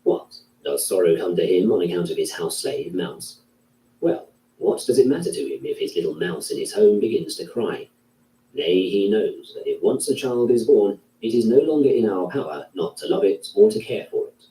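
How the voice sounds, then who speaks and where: A man reading a classic philosophy text aloud in a measured, solemn manner. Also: on the low side, big pitch swings, mellow. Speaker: narrator. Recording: roomy, distant from the mic.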